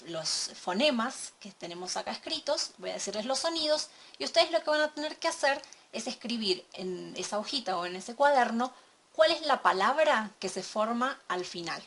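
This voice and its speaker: A woman teaching a recorded lesson from slides, explaining step by step and checking in with a quick question. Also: fairly high pitch, animated, fairly bright tone. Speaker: English teacher.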